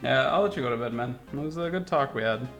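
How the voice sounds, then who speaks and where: A man's voice: mid-range voice, lively intonation, quick pace, gravelly, a bit bright, faint music behind. A young man in casual gamer conversation, talking in bro-ish slang with some swearing. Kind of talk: casual chat.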